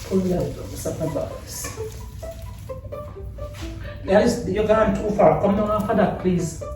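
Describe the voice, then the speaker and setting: A woman's voice: mid-range voice, unhurried. A woman with a Jamaican accent bantering casually in Patois mixed with English, scolding and bossy. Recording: very echoey room, distant mic, music behind.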